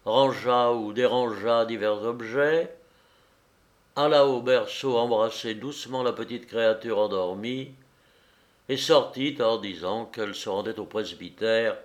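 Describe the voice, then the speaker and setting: A male narrator reads a novel aloud in an unhurried, deliberate pace. His voice sits at an ordinary middle pitch and he tells the story expressively, turning to address his listeners.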